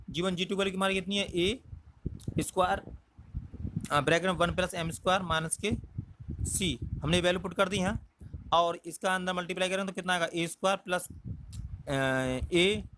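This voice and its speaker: High-voiced man explaining maths step by step. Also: fairly bright tone, slight background noise. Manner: explains step by step, asks rhetorical questions, thinking fillers. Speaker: maths teacher. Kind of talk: whiteboard maths lesson.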